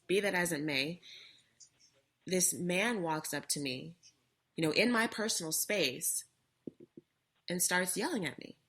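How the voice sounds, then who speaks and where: A woman's voice: fairly low pitch, lively intonation, unhurried, long pauses, a bit bright, slightly rough. A young adult woman co-hosting a casual talk show, earnestly telling a personal story.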